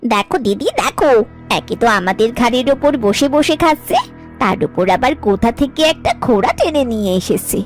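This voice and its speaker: Woman as a snide, lively younger sister-in-law. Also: on the high side, moderate pace, faint music behind, natural voice. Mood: jealous, scheming. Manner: snide, complaining. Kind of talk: cartoon drama voice acting.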